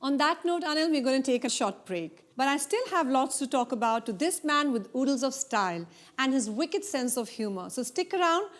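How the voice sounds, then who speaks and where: A woman hosting a TV interview, upbeat and quick to laugh. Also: high-pitched, expressive. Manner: bright, upbeat, laughs often. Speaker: talk-show host.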